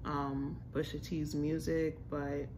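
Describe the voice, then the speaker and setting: Speaking slowly in a low-pitched voice with little pitch movement, a young adult woman with an American accent reviews a restaurant for her food vlog. Her talk to camera is casual, informal and full of slang. The background is noisy, and she's in a home room with a staircase.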